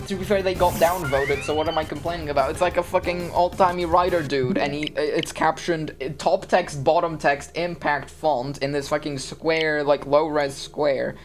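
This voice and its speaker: A streamer ranting in live commentary, swearing constantly and rambling through restarts. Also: medium pitch. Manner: rambling with many fillers and restarts.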